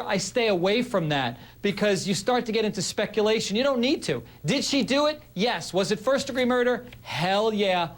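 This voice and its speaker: High-voiced male legal pundit on a satellite link, blunt and self-assured. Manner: blunt, confident. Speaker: legal commentator. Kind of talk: broadcast panel commentary. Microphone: satellite remote link.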